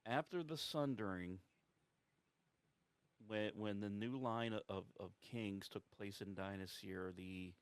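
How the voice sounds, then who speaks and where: A man's voice: fairly low pitch, unhurried, clear, resonant tone, no room sound, close to an everyday voice. A man voicing an ancient, sleepy druid in a tabletop game, hesitant and rambling as he thinks aloud. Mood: hesitant recollection. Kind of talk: improvised in-character tabletop role-play.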